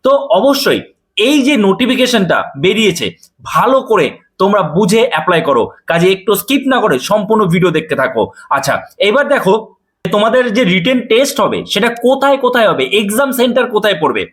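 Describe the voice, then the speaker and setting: Man, coaching teacher, high voice, rapid delivery, talks straight to viewers. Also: very animated, a bit bright. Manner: quick, addressing viewers directly with frequent check-ins. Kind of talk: exam-notice explainer.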